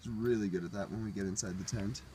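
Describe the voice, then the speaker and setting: A man's voice: fairly low pitch, fast talker, mellow, slight background noise. A young man narrating a casual hiking vlog to a handheld camera, chatty and easygoing as he points things out on the trail and at camp. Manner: easygoing, chatty, shows things to the viewer as he goes. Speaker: hiking vlogger. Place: outdoors on forest trails and at a campsite.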